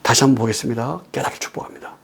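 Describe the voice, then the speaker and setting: A man preaching a sermon, who talks emphatically, asks rhetorical questions and moves between loud stresses and quiet storytelling. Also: mid-range voice, very fast, vocal fry, husky.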